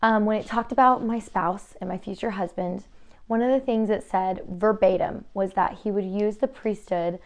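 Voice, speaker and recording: Casting note: young woman, bubbly and chatty, casual home vlogger, warm faith talk. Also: medium pitch, steady tone, moderate pace. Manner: bubbly and chatty, with frequent "like" and laughs. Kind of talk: casual faith-based vlog chat. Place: new family home.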